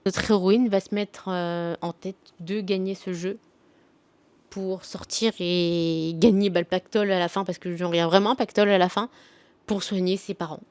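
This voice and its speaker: A woman's voice: on the low side, fairly even intonation, normal speed, darkish tone, clear, resonant tone, no room sound. A young woman chatting casually about her favourite books, rambling and slangy with lots of fillers. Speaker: book vlogger. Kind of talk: casual book review chat.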